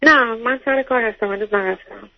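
A woman's voice: medium pitch, vocal fry, no room sound. A woman calling in to an advice show, explaining at length in a hesitant, stammering way. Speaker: caller. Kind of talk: call-in counseling chat. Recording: dull lo-fi phone-line audio.

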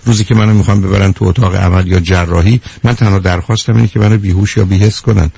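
On a call-in counseling show, a male host bluntly lectures a caller, firing rhetorical questions and addressing her as dear. His voice is low, dark, and husky, with vocal fry and fairly even intonation.

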